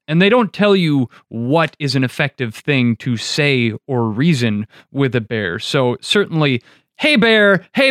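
A man's voice: mid-range voice, a bit bright, no room sound. A man hosting a show, mixing casual chat with scripted narration and dry, wry humor. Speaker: podcast host.

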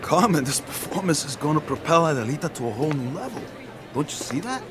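An actor playing an enthusiastic, persuasive music label boss. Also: male voice, fairly high pitch, animated, fast, a bit bright, slight background noise. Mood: eager. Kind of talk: audio drama acting.

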